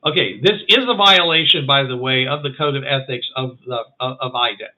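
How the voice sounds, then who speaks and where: A man running a tabletop game as game master, narrating in a halting way with many restarts. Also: medium pitch, bright, forceful tone. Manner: halting, full of restarts and fillers. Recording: phone-like online call.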